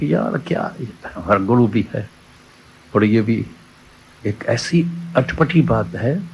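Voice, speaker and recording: A man's voice: mid-range voice, breathy edge. A man giving a satsang sermon, preaching with repeated key words and quoted scripture lines, on dull lo-fi audio. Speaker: spiritual teacher. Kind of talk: Hindi satsang sermon with a told parable.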